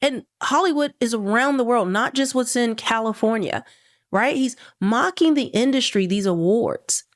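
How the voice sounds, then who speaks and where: Podcast co-host, woman, high and lively voice, incredulous casual chat. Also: moderate pace. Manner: animated, incredulous, rhetorical questions.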